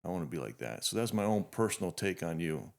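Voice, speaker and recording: A deep, gravelly, darkish voice with a sing-song lilt and quick pace belongs to a fifty-year-old podcast host. He gives a heartfelt introduction to his guest, earnest and reflective, with many restarts.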